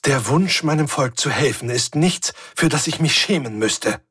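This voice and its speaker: A man voicing a proud, stubborn middle-aged woman prisoner, speaking higher than his own voice, defiant and fighting back tears. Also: animated, normal speed, a bit bright, slightly rough, no echo, clean studio sound. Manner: defiant, then breaking into sobs.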